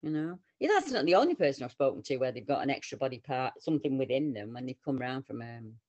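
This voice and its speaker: A woman with a Northern English accent, co-hosting a casual round-table podcast chat and telling stories in an animated way. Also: rumbling low, fast talker, dull audio. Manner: animated, lively storytelling with quoted voices. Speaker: podcast co-host.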